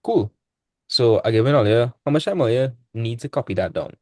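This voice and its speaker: A man's voice: mid-range voice, expressive, brisk, dark tone, no echo. A young man, tutoring maths in a casual online class. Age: young adult. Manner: casual, laid-back teaching with dialect speech. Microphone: video call.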